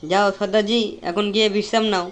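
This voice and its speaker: A man's voice: high-pitched, steady tone, quick pace. A man voicing brash, slangy comic cartoon dialogue. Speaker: voice actor for many cartoon figures.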